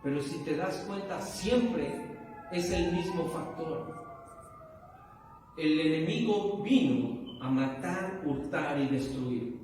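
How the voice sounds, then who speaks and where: A man's voice: on the high side, expressive, slow pace, a little mellow, slight background noise. A man preaching a sermon as pastor, questioning his listeners and rising to emphatic bursts. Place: church hall. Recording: echoey hall, from far off.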